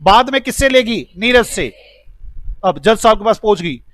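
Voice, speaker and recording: High-voiced male teacher telling a story. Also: lively intonation, normal speed, a bit bright, no room sound. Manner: acts out a story with quoted dialogue, checks understanding with questions. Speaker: accounts teacher. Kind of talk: classroom lecture told as a story.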